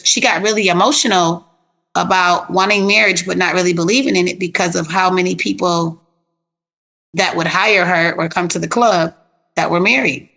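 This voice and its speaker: A woman therapist telling stories in a casual interview, animated and plain-spoken with easy slang. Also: medium pitch, vocal fry. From South Florida.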